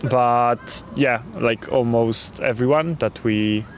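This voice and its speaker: Out on a city street, a man from Poland stops for an interview as a tourist, his Polish accent clear and his answers hesitant and full of fillers. He speaks slowly in a mid-range voice with fairly even intonation, against traffic noise.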